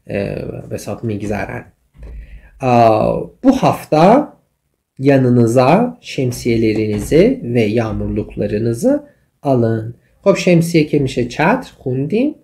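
A Persian-speaking man teaches Turkish in a recorded lesson, with a mellow, dark tone. His pitch rises and falls a lot. He reads example sentences slowly before explaining them.

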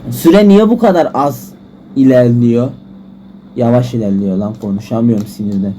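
A man giving frustrated gameplay commentary, swearing and shouting at the game. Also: medium pitch, big pitch swings, a little slow, a little hiss or hum. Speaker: gaming YouTuber. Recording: music loud behind voice.

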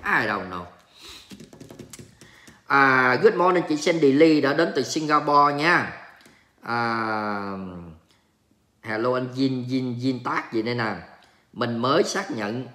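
A man's voice: medium pitch, pushed and bright. A Vietnamese man hosting a casual livestream, reading viewer comments aloud and joking in an exclamatory way, mixing in English words. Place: home in Texas. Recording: echoey room.

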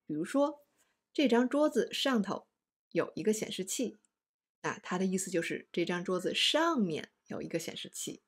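A woman teaching an online language lesson, explaining words slowly and stressing each example. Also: medium pitch, big pitch swings, husky.

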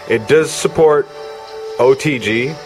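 A product reviewer with a medium-pitched voice gives a casual, hands-on gadget demo, speaking slowly and off the cuff. Music from demo videos plays on a player in the background.

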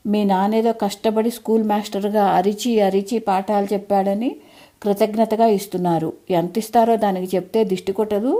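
A frail elderly mother from an audiobook, proud, lonely and quick with a wry scolding, as a woman reader puts her on. She talks in homely, old-fashioned phrases. Her voice sits very dark and mellow. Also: mid-range voice, steady tone, close to an everyday voice. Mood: wry chiding.

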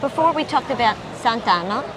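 A woman's voice: a little high, expressive, a little fast. A woman with a New York accent, chatting casually as a local guide giving tips outdoors. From Long Island, New York. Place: outdoors, evening streets and harbor overlook. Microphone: clip-on lavalier. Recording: noisy outdoor street ambience.

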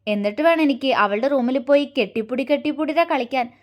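A woman voicing a young husband who talks gravely and then teases and mocks. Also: sits high, a little fast, natural voice. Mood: teasing. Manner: grave, then teasing and mocking.

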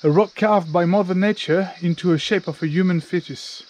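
A man's voice: sits high, normal speed, darkish tone. A man giving casual, informal travel vlog commentary while outdoors, chatting freely. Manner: informal, chatty, occasional swearing. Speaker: travel vlogger. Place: outdoors on forest walking paths. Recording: outdoor ambience noise.

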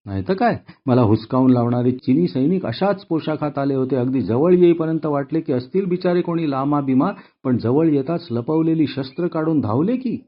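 A man voicing a frightened, beaten young army wireless operator who pleads in a high, strained, sobbing voice. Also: expressive, moderate pace, hardly any pauses, lo-fi sound. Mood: indignant.

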